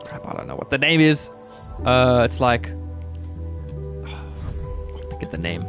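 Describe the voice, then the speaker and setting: A man's voice: medium pitch, very animated, slow, soft background music. A man streaming a driving game, chatting casually with his viewers in a loose, rambling way, now and then swearing. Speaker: gaming streamer. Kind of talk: casual live-stream chat while playing. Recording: loud game car-engine noise under the voice. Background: rally car engine and game sounds.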